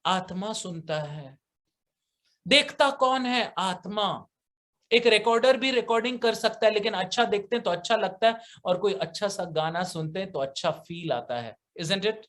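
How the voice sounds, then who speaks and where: A man's voice: high voice, expressive, moderate pace, a bit bright. A man leading an online motivational seminar over a video call. He stresses key words and repeats phrases for effect. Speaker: seminar trainer.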